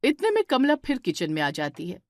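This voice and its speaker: A woman narrates a cartoon story in a plain, even voice. Her pitch sits fairly high. The recording is dry and close. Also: moderate pace, dry recording.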